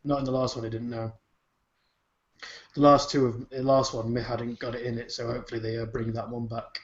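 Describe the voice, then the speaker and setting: A man co-hosts a podcast in loose, rambling chat, dropping swear words as he goes. His voice sits at an ordinary pitch. The recording is roomy, echoey and somewhat dull. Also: little pitch movement, fairly quick. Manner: swears freely, rambling with fillers. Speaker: podcast co-host. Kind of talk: casual chat.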